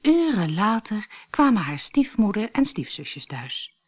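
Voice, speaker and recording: Lively woman reading a storybook aloud. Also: medium pitch, measured pace, soft background music. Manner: lively, expressive. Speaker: narrator.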